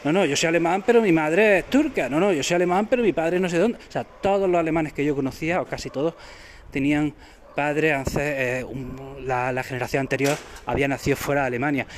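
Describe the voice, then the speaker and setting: A man's voice: fairly high pitch, a little fast. Guy rambling about a book at home, loads of restarts and "no?", faint room noise behind. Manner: rambling, many restarts and fillers, rhetorical questions. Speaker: podcast host reviewing a novel. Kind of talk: unscripted casual book talk. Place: home during lockdown.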